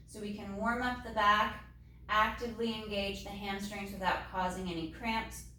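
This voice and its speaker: A woman leading a Pilates mat class, calmly cueing each movement step by step. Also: medium pitch, slight background noise. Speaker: Pilates instructor. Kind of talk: guided exercise class. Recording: very echoey room, mic far off.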